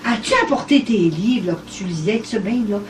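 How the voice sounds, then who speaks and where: A woman's voice: mid-range voice, brisk. Older Québécois woman telling a story. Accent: Québécois French. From Quebec. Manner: animated, acts out dialogue, laughs often. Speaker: storyteller at a gathering. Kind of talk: casual storytelling. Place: living room at a private evening gathering. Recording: echoey home cassette recording from far off.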